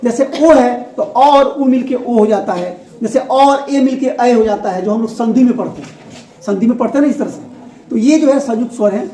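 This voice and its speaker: A woman's voice: a little high, a little fast, dark tone. A woman teacher giving a grammar lesson in a classroom, asking questions, repeating the answers and laughing often. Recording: echoey classroom.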